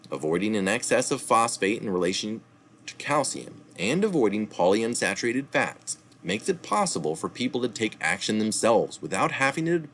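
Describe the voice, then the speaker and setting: A man with a fairly low voice reads a health article aloud over a faint hiss or hum. He keeps a steady pace, occasionally correcting small slips and tossing in brief asides.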